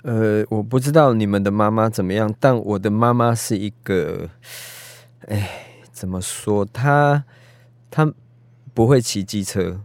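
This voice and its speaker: A man's voice: fairly low pitch, a little slow, no echo. A man with a Taiwanese Mandarin accent in a casual interview as a guest film director, hesitant and self-deprecating, searching for his words.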